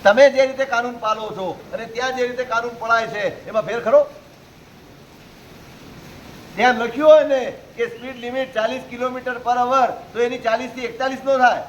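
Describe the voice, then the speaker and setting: Male Jain preacher with a strikingly high voice who lectures a live crowd through pointed rhetorical questions. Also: steady tone, moderate pace, highs cut off, slight background noise. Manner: rhetorical questions, exhorting listeners. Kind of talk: sermon to a live audience.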